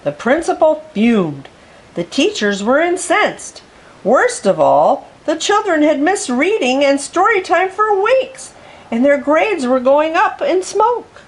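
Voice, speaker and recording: A woman reading a picture book aloud to children in an expressive way, pausing to explain words. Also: sits high, low-quality recording. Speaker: storyteller.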